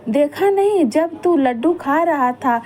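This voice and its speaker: A woman's voice: high voice, expressive, a little slow, darkish tone. A woman voicing a harsh, cruel village stepmother who scolds and sneers at her stepchildren. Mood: scolding.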